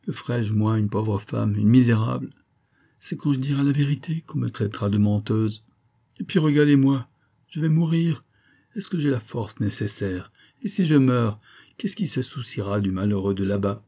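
A man's voice: mid-range voice, normal speed, vocal fry, warm tone. A man reading a novel aloud and voicing a dying woman who confesses to a false testimony, anguished and pleading, repeating words in despair. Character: dying guilt-stricken woman, a former false witness. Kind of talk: audiobook reading.

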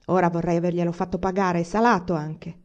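Cheery young frontier guy, woman reading, direct, mellow voice, muffled audio. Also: lowish voice, level tone, brisk, close to an everyday voice. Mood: cheerful. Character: cheerful young frontier man, friendly, plain-spoken. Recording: dull lo-fi recording.

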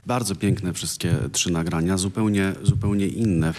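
Enthusiastic low-voiced man critic. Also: fairly even intonation, a little slow, darkish tone. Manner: enthusiastic, expansive, exclamatory. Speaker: music critic on a radio panel. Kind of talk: radio panel discussion. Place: radio studio.

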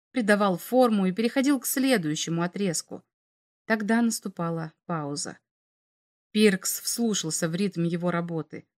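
Woman narrating an audiobook dramatically. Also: mid-range voice. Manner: measured, dramatic reading. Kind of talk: audiobook reading of science fiction.

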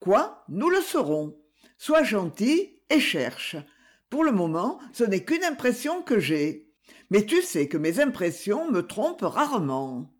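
A woman's voice: medium pitch, very animated, slow pace. A reader voicing a pleading, insistent aristocratic mother in an audiobook. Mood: coaxing. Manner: imploring, tenderly persuasive.

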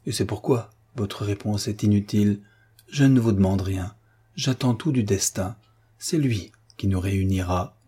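A man voicing a bold cheerful young captain, familiar but respectful, mellow lowish voice. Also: measured pace, husky. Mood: earnest.

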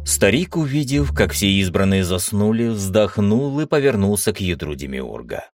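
Deep-voiced male audiobook narrator. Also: big pitch swings, normal speed, darkish tone, soft background music. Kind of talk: scripted fantasy narration.

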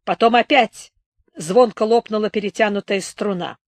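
A woman's voice: medium pitch, moderate pace, dry recording. Woman reading a memoir, dry sound. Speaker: audiobook reader. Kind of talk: literary memoir narration.

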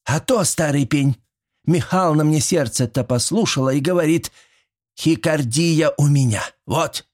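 A feisty old village woman with a sharp tongue, shrill and scolding, as a male reader puts her on. Her voice is pitched well up and rises into indignant outbursts in this audiobook tale. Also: unhurried. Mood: boastful.

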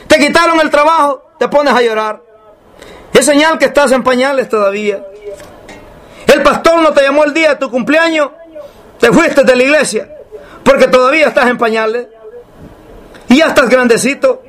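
A man preaching a sermon, emphatic and repetitive, asking rhetorical questions and slowing down to read scripture aloud. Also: very high voice, fairly bright tone.

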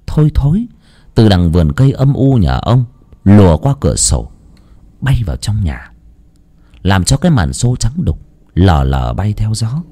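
Man narrating a lively horror tale. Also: on the low side. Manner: dramatic, shifting pace for effect. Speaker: storyteller.

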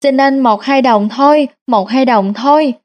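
A woman's voice: high voice, a little slow, highs cut off. A woman reading a story aloud and voicing a shifty male swindler who begs and whines through tears. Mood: whining. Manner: whining, begging, wailing loudly. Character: shifty male con man, tearful and pleading.

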